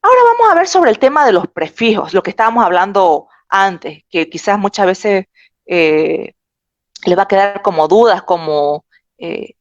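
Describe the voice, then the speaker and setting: A woman's voice: medium pitch, very animated, moderate pace, no room sound. Insistent woman lecturer, dull dry sound. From Bolivia. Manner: insistent, repeats rules emphatically. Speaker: lecturer on spelling. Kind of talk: online lecture.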